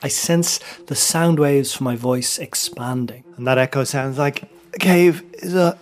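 A man murmurs and sometimes whispers as he crawls through a dark cave passage. His voice has a cramped, boxed-in cave echo. He holds the microphone in his hand, and his voice sits in a middle register. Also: medium pitch, unhurried. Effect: close, boxed-in cave echo. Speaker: radio documentary presenter. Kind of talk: hushed first-person exploration narration. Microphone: handheld microphone.

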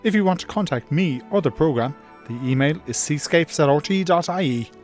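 A man's voice: fairly high pitch, animated, fairly quick. A man presenting a radio programme, reading scripted closing announcements. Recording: music behind the voice.

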